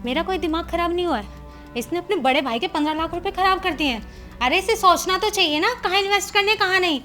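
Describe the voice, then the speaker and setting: Woman acting as a stern elder sister-in-law, high voice, scolding, music behind. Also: fast talker, sharp tone. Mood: defensive. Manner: scolding, self-justifying. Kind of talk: scripted family drama acting.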